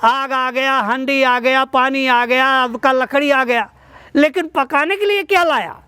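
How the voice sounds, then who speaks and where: A cheeky male monkey, a village thief who bullies passers-by, voiced by a man telling a parable. He speaks slowly in a smooth, dry voice. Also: very high voice, bright, forceful tone, no room sound, exaggerated voice. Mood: taunting. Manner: taunting, then pleading. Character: thieving bossy male monkey, later scared.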